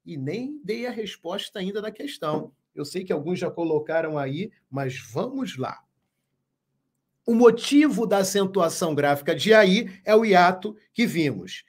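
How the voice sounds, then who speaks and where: A man teaching a live online grammar lesson, speaking slowly and emphatically, repeating key words and asking viewers questions. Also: high-pitched, slightly rough. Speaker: Portuguese teacher.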